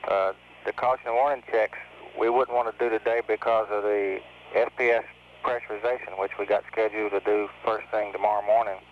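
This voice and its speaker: American guy on astronaut radio from mission control, kinda low, halting and technical, faint static. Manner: hesitant, technical, explanatory. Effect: radio transmission. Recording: muffled, noisy 1970s mission radio. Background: faint radio noise.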